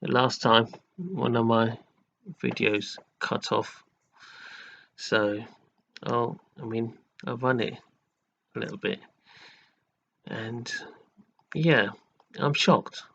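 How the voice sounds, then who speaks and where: Guy talking real slow and offended, gravelly and bright, lots of restarts, dull lo-fi sound. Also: medium pitch. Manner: aggrieved, repeats himself, many restarts. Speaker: vlogger. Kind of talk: slow, halting rant to camera.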